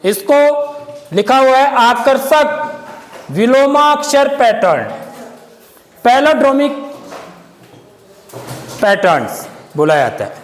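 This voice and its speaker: A man teaching a maths lesson to pupils in a classroom, often checking that they follow with questions. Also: very high voice. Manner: keeps checking understanding with questions. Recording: echoey room with long reverb.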